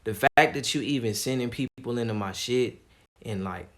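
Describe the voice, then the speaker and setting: A man streaming live, talking casually in a calm, laid-back way with plenty of slang. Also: medium pitch, moderate pace. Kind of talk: casual livestream commentary.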